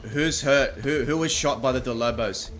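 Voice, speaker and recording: A man playing his character in a western roleplay stream, urgent and quick to give orders. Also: medium pitch, fairly bright tone, soft background music.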